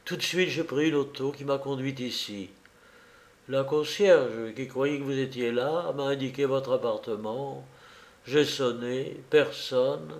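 A man's voice: mid-range voice, measured pace, natural voice. A man voicing a nervous, reserved young woman from the provinces in an audiobook reading.

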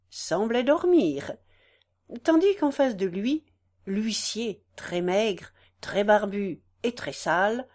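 A woman reading a story aloud as the narrator. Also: mid-range voice. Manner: slow and expressive.

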